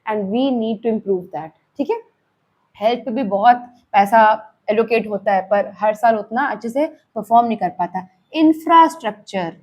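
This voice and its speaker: A young female teacher with an Indian accent gives a classroom lecture blending Hindi and English, her voice a little high and a little mellow. She speaks conversationally with her students and keeps checking in with them.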